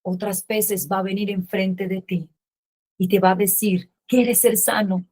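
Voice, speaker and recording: A middle-aged woman pastor preaching a sermon with impassioned delivery that rises to shouts. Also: medium pitch, flat delivery, a little slow.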